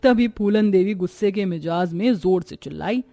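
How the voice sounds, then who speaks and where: A woman reading a scripted family story in a lively, dramatic narrating voice. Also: mid-range voice, moderate pace, dry recording, faint music behind.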